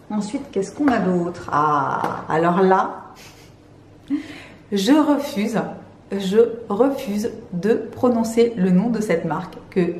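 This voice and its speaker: A woman vlogger chatting casually and excitably as she unboxes beauty products, with many fillers, recorded at home. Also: fairly low pitch, echoey room, slight background noise. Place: room at home, cats nearby.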